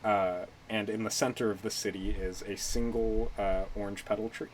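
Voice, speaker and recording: A man narrating as game master in a tabletop role-playing session, relaxed and hesitant with frequent fillers. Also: fairly low pitch, normal speed, a little hiss or hum, low-quality recording.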